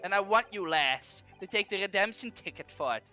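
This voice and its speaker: A man doing a gruff coachman with a hammy brogue. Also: sits high, lively intonation, brisk, pushed and bright, soft background music, full character voice. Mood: scheming. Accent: put-on Irish. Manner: hammy, slipping in and out of the accent. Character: gruff middle-aged male coachman with brogue.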